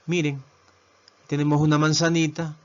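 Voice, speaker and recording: A man teaching a video lesson who talks slowly and patiently, repeating words and often checking in with his listeners. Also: fairly high pitch, flat delivery, dull audio. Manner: slow, repetitive, asks "¿verdad?" often. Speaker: English teacher.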